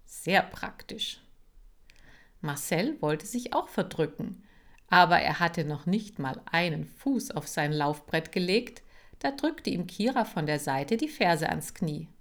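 A woman narrating a children's audiobook in an expressive storytelling manner. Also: lowish voice, measured pace. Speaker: audiobook reader.

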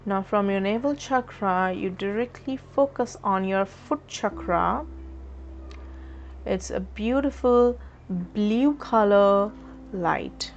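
A woman leading a guided chakra meditation in a slow, soothing, instructive way. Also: mid-range voice, slight background noise. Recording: slightly dull audio with faint music.

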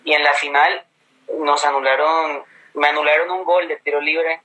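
A man with a bright, forward voice pitched a little high speaks casually as a guest. His coastal Colombian accent is fairly neutral, softened by an inland touch. He tells his stories in a conversational way. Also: little pitch movement, normal speed, rough recording. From Colombia, Caribbean coast. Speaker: interview guest.

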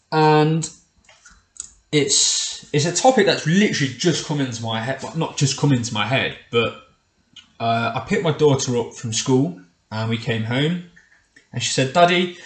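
Man podcasting in an echoey room. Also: medium pitch. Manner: conversational, rhetorical questions addressed to the listener. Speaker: podcast host. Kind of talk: casual solo podcast monologue. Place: indoors in a home kitchen. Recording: echoey, roomy kitchen sound.

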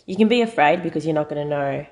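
Low-voiced young Australian woman. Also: expressive, fast talker, darkish tone. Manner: earnest, encouraging. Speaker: guest. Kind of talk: casual interview chat.

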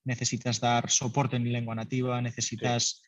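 This startup founder, a man with a mid-range voice, answers interview questions at a normal speed in a completely flat delivery. He is loose and conversational, using many fillers and laughing lightly, and the recording is dry.

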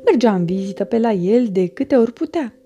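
Gravelly woman reading a storybook. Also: fairly high pitch, animated, dark tone, muffled recording, soft background music. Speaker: narrator. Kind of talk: storybook narration.

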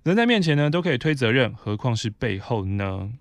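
A man's voice: mid-range voice, sing-song, a little fast, no room sound. A man from Taiwan hosts a podcast and reads a listener's letter aloud, adding short asides as he goes. His voice sits in a mid range for a man. The recording is dry and close, with no room sound. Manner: conversational reading with brief asides. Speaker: podcast host.

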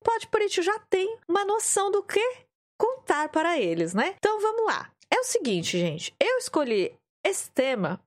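Animated high-voiced Brazilian woman streamer. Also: moderate pace, dry recording, clean studio sound. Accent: Brazilian Portuguese. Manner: animated, acts out quoted voices with big pitch jumps. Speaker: live streamer. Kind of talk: casual livestream storytelling. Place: at home.

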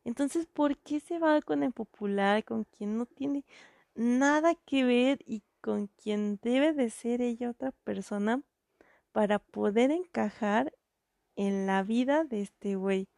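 A woman with a Mexican accent, giving an animated, indignant casual monologue as a podcast host, with lots of fillers. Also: on the high side, slow pace, gravelly, no room sound, studio quality. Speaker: podcast host reviewing a film.

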